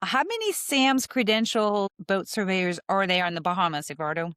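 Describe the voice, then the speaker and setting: A woman's voice: medium pitch, expressive, normal speed, a bit bright, clean tone, dry recording, clean studio sound. Upbeat woman hosting a podcast. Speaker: podcast host.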